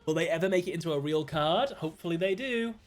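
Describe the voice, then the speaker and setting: Lively British man streaming a card game. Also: a little high, quick pace, faint music behind. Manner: chatty, thinking aloud, with sudden excited outbursts. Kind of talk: casual live-stream gameplay commentary.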